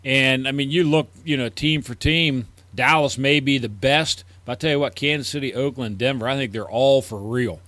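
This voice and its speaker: A man's voice: mid-range voice, normal speed, hardly any pauses, a bit bright, no room sound. A man co-hosting a fantasy sports show in casual chat, agreeing readily and ticking off team records. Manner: agreeable, ticks off stats and records. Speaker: fantasy sports podcast co-host.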